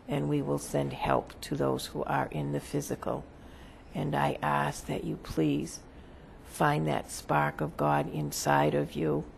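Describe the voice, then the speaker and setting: A seance medium delivering a solemn spiritual message as a channeled spirit, in a creaky voice with halting, deliberate, formal phrasing. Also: medium pitch, a little mellow, slight background noise.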